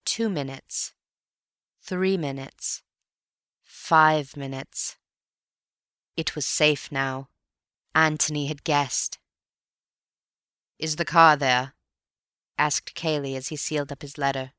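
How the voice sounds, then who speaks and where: A woman narrating an audiobook with a low voice and a slow, measured pace. The sound is close and dry, with no room around it. She reads evenly and without hurry. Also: fairly even intonation, fairly bright tone, clear, resonant tone, no room sound. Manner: measured, unhurried reading. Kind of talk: scripted narration.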